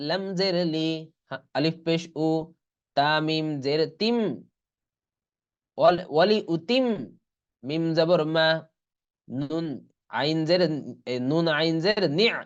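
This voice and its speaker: A man's voice: a little high, smooth, muffled recording. A man teaching an online Quran reading lesson. He spells out letters and vowels one by one, then draws out each whole word. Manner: slow, deliberate letter-by-letter spelling, then drawing out whole words. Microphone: online class recording.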